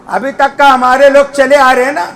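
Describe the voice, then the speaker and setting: High, bright-voiced impassioned preacher. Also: male voice, flat delivery. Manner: impassioned, rising to shouts, drawn-out chanting of Arabic phrases. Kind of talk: Muharram majlis sermon.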